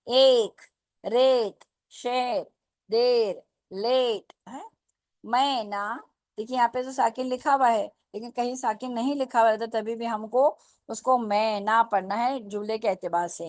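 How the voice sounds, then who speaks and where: A woman's voice: fairly high pitch, no room sound. A woman teaching the Urdu script in an online lesson, patiently sounding out letters and words syllable by syllable and checking that students follow. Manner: slow, drawn-out syllable-by-syllable drills; patient, repeats and checks understanding.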